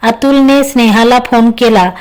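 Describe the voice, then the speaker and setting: A woman storyteller reading a love story aloud in a steady narrating manner. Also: on the high side, measured pace.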